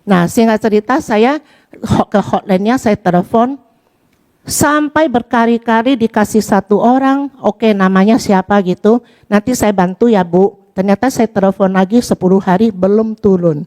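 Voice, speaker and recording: A woman's voice: medium pitch, moderate pace, a little mellow. A woman from Indonesia giving a personal testimony in a chatty storytelling way, acting out the dialogue. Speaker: church member giving testimony.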